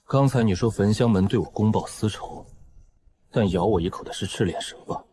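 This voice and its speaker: A man playing a calm, shrewd young cultivator hero who speaks in a reasoning way. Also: fairly low pitch, fairly quick, a little hiss or hum, close to an everyday voice.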